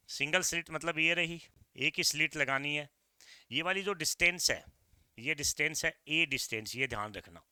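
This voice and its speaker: A middle-aged man with an Indian accent teaching an exam-prep physics lecture, energetic and repeating key points while coaxing his students. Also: a little high, clean tone, no room sound, studio quality.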